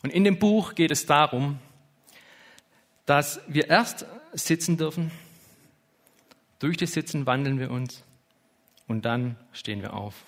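A man's voice: a little high, a little slow, pauses often, fairly bright tone. Earnest man preaching a casual sermon. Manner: informal, emotional, with lots of "hey" and "ja".

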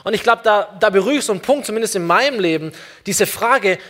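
A man's voice: sits high, expressive, fast. A man preaching a sermon, earnest, asking the congregation many direct questions. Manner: addresses listeners directly and warmly. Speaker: pastor.

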